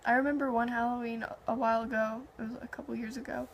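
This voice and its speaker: A woman's voice: a little high, fast talker, vocal fry, a little hiss or hum, poor audio. A young woman in casual chat, telling stories in a conversational way and acting out quoted dialogue. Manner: animated anecdotes with heavy filler "like" and quoted dialogue.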